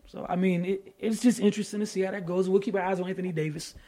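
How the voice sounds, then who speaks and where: A man co-hosting a casual sports podcast, emphatic and slangy, building up to loud points. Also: high-pitched, steady tone, quick pace. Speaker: podcast co-host.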